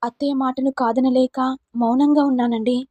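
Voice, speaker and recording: A woman voicing a meek, dutiful young wife in a story, speaking softly and politely. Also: sits high, steady tone, moderate pace, no room sound. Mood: pleading. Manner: soft, polite pleading.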